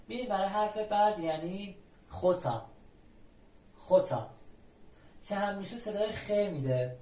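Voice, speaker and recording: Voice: mid-range voice, a little mellow. Patient teacher in an echoey room. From Iran. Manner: patient and methodical, repeats each example word slowly. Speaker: language teacher. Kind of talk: explaining the Spanish alphabet step by step. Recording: roomy, from a distant mic.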